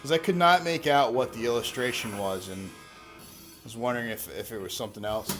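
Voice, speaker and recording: A man's voice: medium pitch, a little fast. Man, New York accent, laughs easily, chatty, faint music in the background. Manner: joking, laughs often. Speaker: pinball channel host. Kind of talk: casual chat.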